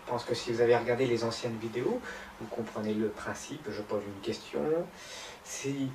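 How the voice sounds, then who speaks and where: A man's voice: mid-range voice, steady tone, normal speed, noisy background. A man giving sarcastic, mocking commentary over a video. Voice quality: mocking, teasing. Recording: roomy, distant mic, faint music.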